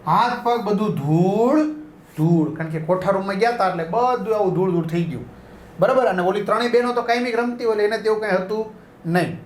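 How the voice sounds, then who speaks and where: A man's voice: high-pitched, fairly quick. A male teacher explaining a school lesson, repeating and rephrasing each line and checking in with his students. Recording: echoey room.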